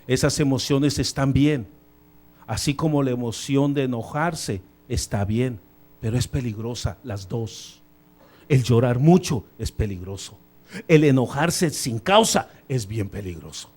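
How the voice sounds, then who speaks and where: A male pastor preaching a sermon in a church. He talks in animated bursts, swinging between loud emphasis and quiet asides, and drops in English phrases now and then. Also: mid-range voice, a little slow, soft background music. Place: church sanctuary.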